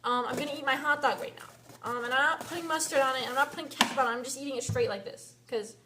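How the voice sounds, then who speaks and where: Young female vlogger, higher voice, chatty and irritated, heavy on fillers and slang. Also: quick pace, heavy background noise. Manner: chatty, fills talk with "like", "bro" and "dude"; irritated, venting. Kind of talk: casual vlog rant.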